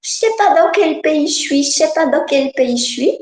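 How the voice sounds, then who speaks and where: Woman putting on a little girl's voice, high childlike pitch, echoing room. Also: animated, normal speed, darkish tone. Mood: lost, tearful. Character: frightened little girl, later cheerful.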